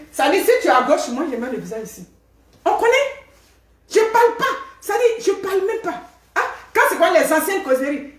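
A woman giving lively, emphatic advice to women, with many rhetorical questions and tag words like "hein". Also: high-pitched, far from the mic. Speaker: live video host giving advice to women. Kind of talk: casual animated advice talk to viewers. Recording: echoey room.

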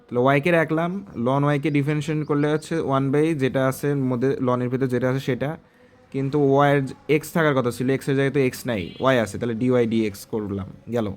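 A male math tutor walks through exam problems step by step in a conversational way, often asking the student short checking questions. He has a medium-pitched voice with fairly even intonation and talks very fast.

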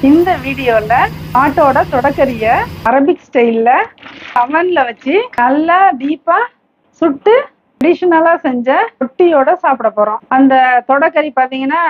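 A woman hosting a home cooking channel, calmly walking through each step and ingredient. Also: high voice, moderate pace, dry recording, poor audio. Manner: calm, instructive, listing ingredients steadily. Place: home kitchen.

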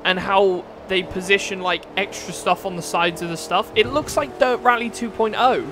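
High-voiced British man streaming a racing game. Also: normal speed. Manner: chatty and crude, swearing and laughing at his own jokes. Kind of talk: live-stream commentary while playing. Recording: racing game engine noise behind voice. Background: car engine sounds from the game.

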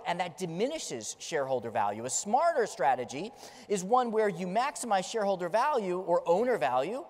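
This middle-aged keynote speaker tells stories emphatically, gesturing while he walks around a large conference stage. He has a high, slightly mellow voice, and the large hall gives it a long reverb.

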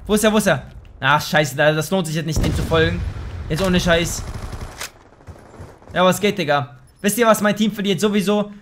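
A young man commenting on a shooter game as he plays, slangy and swearing, with excitable outbursts. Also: high voice, normal speed, pauses often, slight background noise. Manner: slangy, swears and trash-talks. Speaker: let's play host. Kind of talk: casual gameplay commentary.

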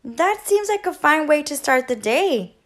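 A woman voicing a cheerful little female yellow bird who teaches, in a storybook read-aloud, with a bright, chirpy, enthusiastic delivery. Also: sits high, animated, slow. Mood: warm, cheerful.

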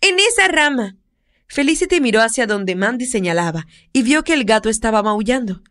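Casting: audiobook narrator, woman, expressive and steady, slightly high pitch. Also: a little fast. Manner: expressive storytelling read. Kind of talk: scripted narration.

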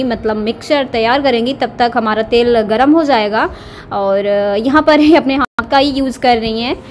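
High-voiced woman cooing baby talk. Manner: cooing, sing-song baby talk with laughs. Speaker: vlogger. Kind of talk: casual home vlog, baby talk to a niece. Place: family home indoors.

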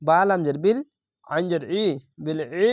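A man's voice: a little high, normal speed, dry recording, studio quality. A man teaching Quran reading, spelling out each word syllable by syllable, stretching the vowels and repeating them patiently before explaining the rules.

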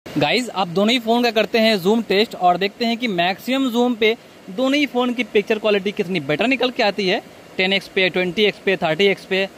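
A man with a high voice talks outdoors while he tests phones, recorded on the phone's own microphone. He calls out each step as he goes in a casual, hands-on way. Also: a little fast, fairly bright tone, slight background noise. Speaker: tech reviewer. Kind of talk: casual on-the-spot demo. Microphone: phone's built-in microphone.

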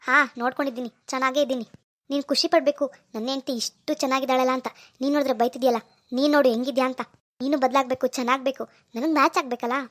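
A woman's voice: sits high, fairly even intonation, rapid-fire, a bit bright. Woman doing a vain, breezy young wife. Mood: boastful. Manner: boastful, breezy and defiant. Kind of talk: cartoon voice acting.

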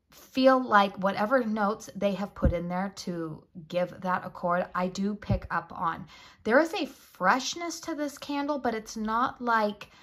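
A woman's voice: mid-range voice, a bit bright. Nasal-voiced woman with a head cold. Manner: chatty, friendly, with frequent fillers. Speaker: candle reviewer. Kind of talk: casual product review.

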